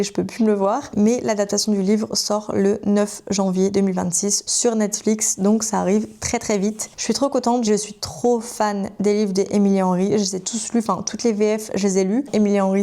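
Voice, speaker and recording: A French woman in her twenties, a book vlogger, chats casually to camera about upcoming book adaptations. She sounds enthusiastic and gushing, with a warm, mid-range voice.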